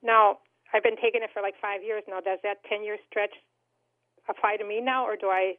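A woman's voice: medium pitch, steady tone, brisk, dry recording. A woman calling in to a radio show, heard over a phone line, politely and hesitantly asking a question. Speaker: radio call-in caller. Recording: tinny phone line, from far off.

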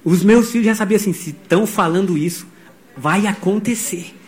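A middle-aged pastor with a high voice delivers a sermon. He tells stories with energy and voices the people in them. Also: moderate pace. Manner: animated storytelling, voicing quotes.

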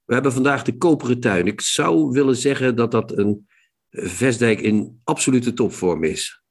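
A man's voice: medium pitch, moderate pace. A man hosting a literary podcast, talking about books with many hesitations and restarts. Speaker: podcast host.

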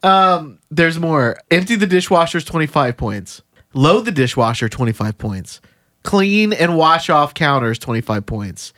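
A man's voice: fairly high pitch, expressive, measured pace, fairly bright tone. A man co-hosting a casual chat, reading items from a list aloud and laughing often.

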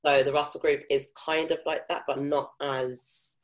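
A woman's voice: sits low, little pitch movement, a little slow. A young adult woman with a mild South London accent, chatting candidly and informally as she tells personal stories in an interview. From South London, England. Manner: informal, frequent swearing and filler "like". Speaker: interview guest. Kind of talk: candid casual chat, telling personal stories.

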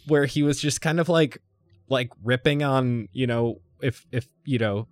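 A man's voice: mid-range voice, a little slow, dry recording, studio quality. A young man in casual chat, telling a story in a rambling way with lots of restarts, laughs and swearing.

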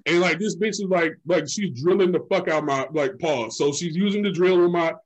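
A young man with a slightly high voice tells stories in loose, casual podcast chat. His delivery is animated and full of profanity. He keeps reaching for "like" and "you know what I'm saying" as he goes. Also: moderate pace, muffled recording.

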